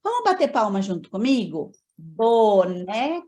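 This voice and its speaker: A woman's voice: medium pitch, lively intonation, moderate pace, warm tone. A woman teaching a training lecture on learning disorders, explaining in a didactic way and putting rhetorical questions to her audience.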